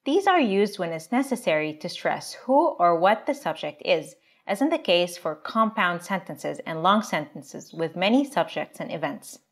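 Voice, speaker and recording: A woman teaching a language lesson as the show's teacher, explaining grammar in a clear, deliberate way and slowing down for example phrases. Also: lowish voice, lively intonation. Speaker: Arabic teacher.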